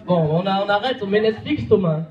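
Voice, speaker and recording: Young man hosting a student awards night with teasing jokes, pushing the crowd to cheer louder. His voice is fairly high and heard from far away in a reverberant hall. The sound is a bit dull, with crowd and music around him. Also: lively intonation, fairly quick. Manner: teasing, prods the audience for noise. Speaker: ceremony host. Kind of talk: joking live event hosting.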